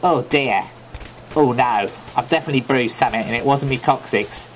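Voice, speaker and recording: A man with a London Cockney accent playing a loveable, daft, thieving Cockney man in comedic gameplay commentary, rambling in chatty, absurd deadpan asides. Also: mid-range voice, moderate pace, slight background noise, natural voice. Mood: cheeky.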